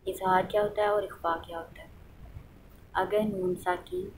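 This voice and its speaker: A woman's voice: medium pitch, fairly even intonation, normal speed, a little mellow, slight background noise, low-quality recording. Patient woman teacher explaining recitation rules. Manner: patient, asks questions and answers them; models pronunciation by reciting examples aloud. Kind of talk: explaining a lesson.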